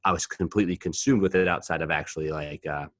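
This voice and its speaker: Casting: man in his twenties, very deep voice, dry close sound, rambling and profane podcast storyteller. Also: fast, fairly bright tone, no echo. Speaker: podcast co-host, powerlifter. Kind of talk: casual chat.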